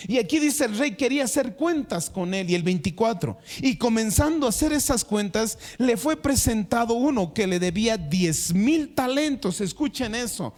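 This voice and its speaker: A man's voice: very high-pitched, expressive, moderate pace, hardly any pauses, a little mellow. A male pastor preaching a sermon who addresses the congregation directly and repeats words for emphasis.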